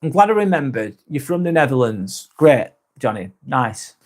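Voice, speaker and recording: He speaks with a sing-song, mid-range voice at normal speed: an English man hosting a live vlog. Reading the chat, he talks casually with viewers, frequently correcting himself and laughing easily.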